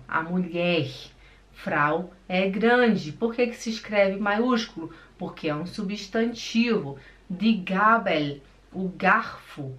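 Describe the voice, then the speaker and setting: A woman teaching an online German lesson, patiently repeating words slowly for learners. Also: medium pitch, fairly bright tone. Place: home in Switzerland.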